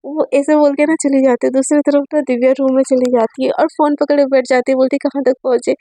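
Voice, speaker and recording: Woman, casual storytelling narration, chatty, high pitch, dry close sound. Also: level tone, a little fast, warm tone, no room sound. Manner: chatty, mixes in English words.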